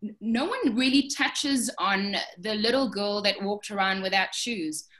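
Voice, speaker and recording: A woman radio and TV presenter hosting an online interview, chatty and enthusiastic, speeding up when excited. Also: mid-range voice, a little slow.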